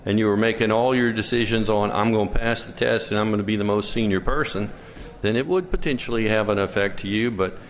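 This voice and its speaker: A man's voice: lowish voice, slight background noise. Man explaining in a reverberant hall. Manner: deliberate, conversational, halting explanations. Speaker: state senator presenting a bill. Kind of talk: informal legislative explanation. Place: large legislative chamber. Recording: long echoing hall reverb.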